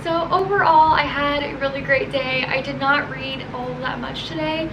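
High-pitched young American woman vlogging over fan noise. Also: moderate pace. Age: young adult. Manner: chatty, informal. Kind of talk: casual vlog chat. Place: small bedroom and home kitchen, indoors. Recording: steady fan noise behind home recording. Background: whirring room fan.

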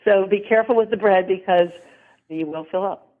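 A woman's voice: mid-range voice, normal speed. A middle-aged woman, a former model, chatting as an interview guest, rambling and laughing often. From American South. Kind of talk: casual interview talk. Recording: tinny phone-line sound.

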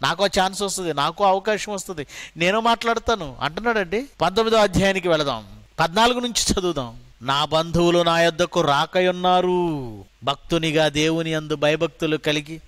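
A man with a Telugu accent preaching a sermon, asking rhetorical questions and quoting Bible verses dramatically, moving between loud and soft. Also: fairly high pitch, brisk, no room sound. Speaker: pastor.

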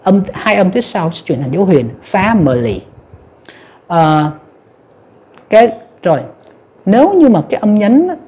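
Husky, gravelly woman teaching English. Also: on the low side, mellow. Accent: Vietnamese. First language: Vietnamese. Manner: chatty, many fillers, addresses viewers directly. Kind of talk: casual spoken lesson.

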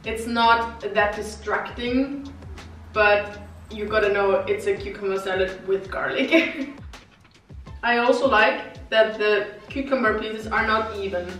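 A woman's voice: on the high side, fairly bright tone, distant mic. Chatty young woman, echoey room. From Vienna. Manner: chatty, giggly, tastes food while talking. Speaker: vlogger reviewing vegan food. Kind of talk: casual food review. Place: living room with wicker sofa, indoors. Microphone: far camera.

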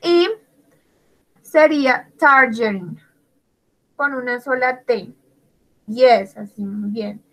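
A woman's voice: fairly high pitch, slow, long pauses, rough recording. A woman teaching an English grammar class in Spanish, spelling out words letter by letter and praising her students by name. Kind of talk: online class explaining grammar.

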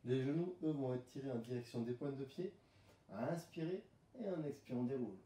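At home, a male pilates instructor with a mid-range voice speaks at a normal speed, calmly guiding the workout with breathing cues, breath counts, and movement instructions. A distant camera mic makes the room sound roomy.

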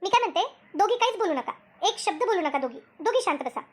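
A woman's voice: extremely high pitch, expressive, quick pace. Shantabai, a woman-voiced bossy cartoon villager. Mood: scolding. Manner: explains at length, bossy. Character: bossy chatty village woman, group leader. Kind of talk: cartoon voice acting.

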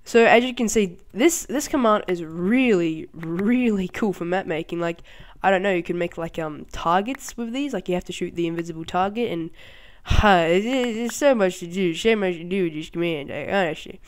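A channel host giving casual commentary in a game tutorial, excitable and quick to laugh and exclaim, rambling along with fillers. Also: mid-range voice, smooth.

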